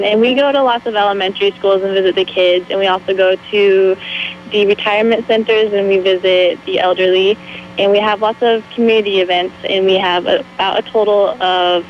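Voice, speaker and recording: An eighteen-year-old woman answering interview questions outdoors, bright and upbeat, with quick giggles. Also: mid-range voice. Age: young adult. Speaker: teen festival princess, interview guest. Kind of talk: casual interview. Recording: slightly muffled with faint background noise.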